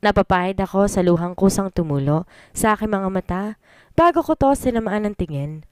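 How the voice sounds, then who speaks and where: A woman reading a first-person story in scripted narration, in one even voice, code-switching between Tagalog and English. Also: medium pitch, brisk, clear, resonant tone, dry recording. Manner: reads every part in one plain voice, mixing Tagalog and English. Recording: voice over soft background music.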